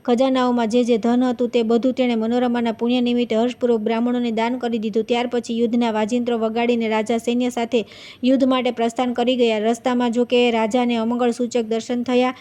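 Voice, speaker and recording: Woman, devotional scripture reader; steady, level recitation, mellow tone, occasional slips. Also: fairly high pitch, fast.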